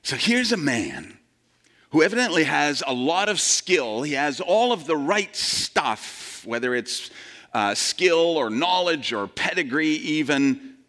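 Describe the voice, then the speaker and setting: A man's voice: very animated, takes it slowly, fairly bright tone. A man preaching a sermon in a conversational way, quizzing the congregation and acting out quoted voices. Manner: conversational, asks the congregation questions; plays out quoted voices with big shifts in pitch. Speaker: pastor.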